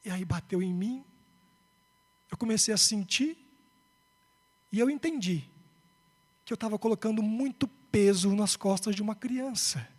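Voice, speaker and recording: A young Brazilian man giving an emotional spiritist talk. He moves between hushed confession and rising urgency. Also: high voice, a little slow, long pauses. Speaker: spiritist speaker. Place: lecture hall. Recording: long hall reverb, breathy voice.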